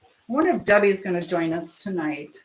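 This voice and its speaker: Cooking in her home kitchen, a woman chats casually with livestream viewers, distracted and jumping between tasks and comments. Her voice is fairly low with lively intonation and a slightly fast pace. She streams from a phone that moves nearer and farther, in an echoey kitchen with faint background noise.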